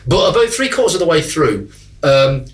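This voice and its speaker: A man's voice: on the high side, big pitch swings, moderate pace, reverberant, recorded from a distance. A man, an actor co-hosting a radio show, chatting casually with self-mocking jokes.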